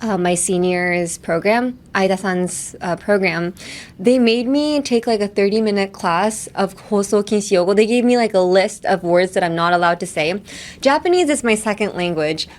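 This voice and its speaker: A woman hosts a casual language-lesson podcast, teaching phrases in a mid-range voice at a moderate pace. Her talk is chatty and rambling, wandering off on tangents.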